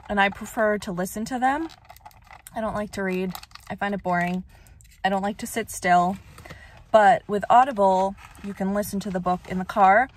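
A young woman vlogging casually, chatting with lots of "like" fillers and easy laughs while out running errands. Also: mid-range voice. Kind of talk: casual vlog chat. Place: car and errands, in and out of doors.

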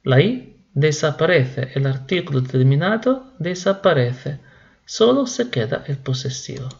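A man teaching Spanish grammar slowly and deliberately, repeating each word. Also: fairly high pitch, animated, creaky, a little mellow, dull audio. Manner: slow, deliberate, repeats words. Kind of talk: slow classroom explanation.

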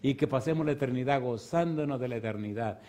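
A man preaching an evangelistic sermon and calling people forward, swinging between loud, fervent preaching and soft pleading. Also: mid-range voice, fast. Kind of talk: evangelistic sermon with altar call. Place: church stage.

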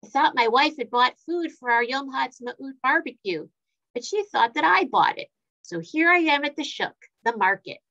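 A woman's voice: high voice, expressive, normal speed, bright, forceful tone, full character voice. Brief: woman reading as a chatty, flustered man next door, lo-fi sound. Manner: chatty, good-humored. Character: flustered married man neighbor, friendly.

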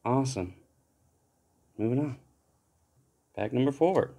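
Slow, relaxed man opening card packs. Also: medium pitch, background noise. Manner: relaxed, bursts into excited exclamations at good pulls. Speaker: card pack opener.

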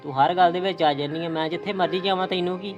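A man's voice: high voice, steady tone, fast, dull audio, soft background music, close to an everyday voice. A man playing a neglectful young husband in an amateur family drama, curt and dismissive. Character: neglectful young husband who later repents. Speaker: son and husband; channel host.

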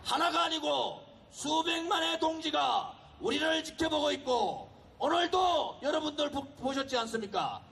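A man giving a fiery political speech at an outdoor street rally, shouting and exhorting the crowd. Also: very high voice, big pitch swings, a little slow, creaky.

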